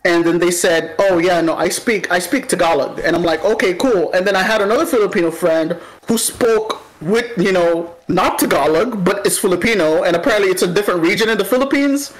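A man's voice: sits high, a little fast, hardly any pauses, rough recording. Rambling, giggly man chatting. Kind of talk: casual chat.

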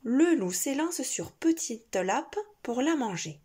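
A woman's voice: high-pitched, husky. A woman storyteller reading a picture book expressively, as if to a toddler. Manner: slow, animated, reading as to a toddler.

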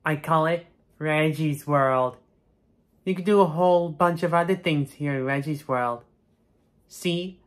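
A man voicing a boastful, nerdy young cartoon raccoon who shows off with drawn-out words. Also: on the high side, close to an everyday voice. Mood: proud.

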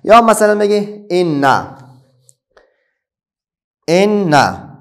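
Teacher, male, Afghan Dari accent, a bit high-pitched, patient question-and-answer classroom delivery with pauses. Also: sing-song. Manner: asks the pupils questions and answers them himself, with many pauses and fillers. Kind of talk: classroom Quran reading lesson for children.

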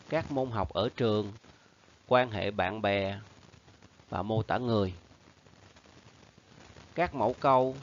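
A man teaching an English review lesson to schoolchildren, reading the options out slowly and patiently, with a Vietnamese accent. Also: mid-range voice, highs cut off, slight background noise. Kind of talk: recorded lesson for pupils.

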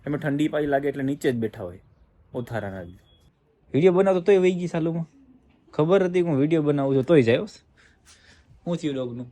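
A man's voice: fairly high pitch, lively intonation, fast, pauses often, warm tone. A young man, chatting casually to his viewers in a family vlog. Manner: chatty, addresses viewers directly. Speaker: family vlogger.

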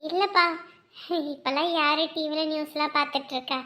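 A playful young bride-to-be with soft, teasing, high speech. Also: female voice, steady tone, fairly quick. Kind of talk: Tamil family drama acting.

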